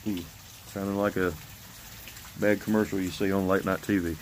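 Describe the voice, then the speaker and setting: Low-voiced rambling man, noisy porch recording. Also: brisk. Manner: rambling, loosely organized. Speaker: vlogger. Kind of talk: casual vlog chat. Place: covered porch outdoors. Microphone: phone at arm's length. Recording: outdoor phone recording with steady background noise.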